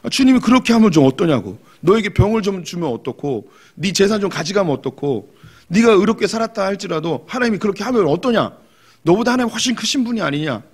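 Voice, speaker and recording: A man's voice: high voice, big pitch swings, fast, slightly rough, voice pushed up, heavily acted. A male pastor voicing a blunt biblical man who challenges his listener with direct rhetorical questions. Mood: rebuking.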